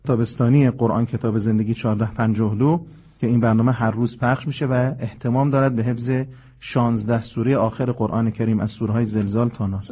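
A man teaching a broadcast lesson on memorizing short verses, slowing down to spell out pronunciation and correct common mistakes. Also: mid-range voice, mellow.

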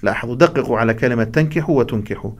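A man's voice: medium pitch, very fast. A man teaching the rules of scripture recitation, explaining each point and breaking off to chant short examples.

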